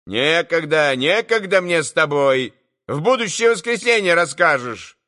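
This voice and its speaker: A man's voice: a little high, animated, unhurried, pushed and bright, pitched above the performer's own voice. A man reading an audiobook, voicing a cocky, mischievous schoolboy who speaks curtly and with self-importance. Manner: curt, superior.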